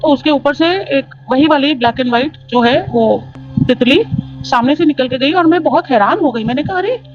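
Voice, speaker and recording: A woman's voice: sits high, normal speed. A woman earnestly telling a personal devotional story to fellow followers, rambling with fillers and restarts. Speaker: devotee sharing a testimony. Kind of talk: casual spoken testimony. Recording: dull lo-fi audio.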